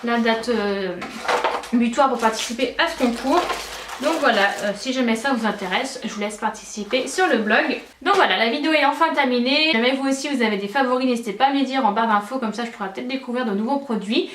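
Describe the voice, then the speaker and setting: Speaking quickly in a slightly high voice, a young woman vlogs about beauty in a casual, chatty, excited way, full of hesitant fillers. Her words echo around the room, picked up by a distant mic over a noisy background.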